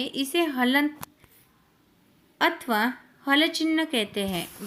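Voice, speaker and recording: A woman teaches a grammar lesson in a slightly high voice. She goes step by step, asking a question and then answering it herself. She repeats each point patiently. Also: fairly bright tone.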